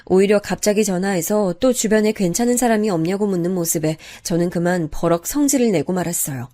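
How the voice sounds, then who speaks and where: Woman narrator, mellow tone, medium pitch, calm, confiding, first-person story reading. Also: a little fast. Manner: calm, confiding, even-paced.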